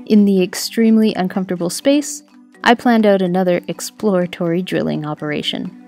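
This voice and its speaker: A woman's voice: lowish voice, brisk, vocal fry. A woman giving an upbeat, scripted voice-over for a sailing vlog. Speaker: vlogger narrator. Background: music.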